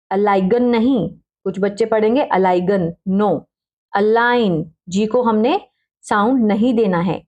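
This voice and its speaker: A woman teaching English spelling slowly, spelling out letters one by one and repeating each word with frequent check-ins. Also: on the high side, darkish tone. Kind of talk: slow step-by-step spelling lesson.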